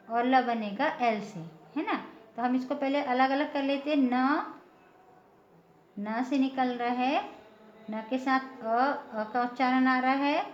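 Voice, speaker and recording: A woman's voice: high-pitched, slight background noise. A woman teaching a patient, step-by-step lesson, often checking in with her listeners. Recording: echoey room, dull lo-fi sound.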